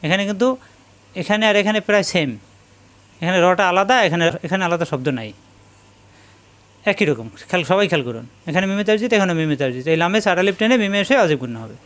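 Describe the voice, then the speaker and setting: A man teaching Quran letter pronunciation step by step, drilling each letter slowly and chanting drawn-out Arabic sounds. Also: high-pitched, lively intonation, a bit bright. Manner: slow, drilling letter sounds one by one and repeating them.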